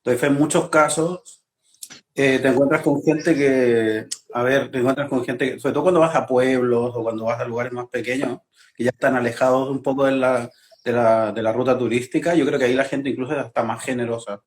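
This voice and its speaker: A man from Chile talks casually as a guest over a video call. His voice sits at a middle pitch. He rambles warmly through stories, backtracking and restarting as he hunts for the right word. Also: fairly even intonation, brisk. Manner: talkative, searching for words with many restarts.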